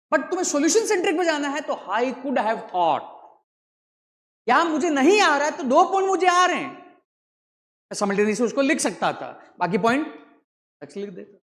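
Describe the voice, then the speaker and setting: The recording captures a classroom lecture in a large, echoey hall with long reverb, where a man teaching the class quizzes students constantly with rhetorical questions. He has a very high, somewhat bright voice.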